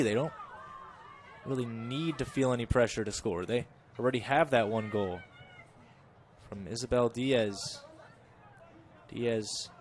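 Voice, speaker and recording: A play-by-play commentator who speaks English as his first language calls a college soccer match live in a chatty way. He corrects himself as he goes, and his voice climbs in pitch and volume whenever the play turns dangerous. There's a little hiss or hum in the background.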